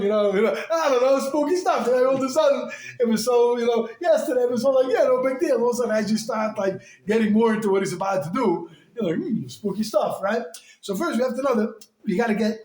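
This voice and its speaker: Rabbi guy giving a class, highish voice, mixing in yiddish words, echoey room. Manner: animated, mixes Yiddish and Hebrew terms into English. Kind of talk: Torah class.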